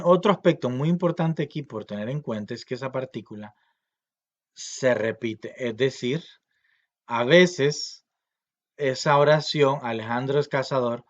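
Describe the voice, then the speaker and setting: A language teacher with a medium-pitched voice gives a recorded grammar lesson, explaining patiently with many fillers and slowly repeating example words. The audio sounds dull.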